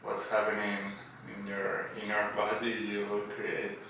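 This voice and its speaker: As a podcast guest, an Argentine tattoo artist from Buenos Aires talks casually, his English phrasing hesitant because Spanish is his native language. He speaks a little slowly in a low-leaning, monotone voice. The mic sits far away, giving a roomy echo with faint noise.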